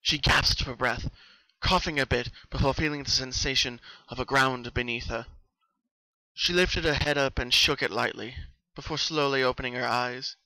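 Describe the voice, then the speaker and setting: A male narrator reads dramatic fan fiction aloud with suspense, his middle-pitched voice strikingly bright and sharp, his tone steady and his pace normal. The recording is close, dry and somewhat rough, with very little room sound.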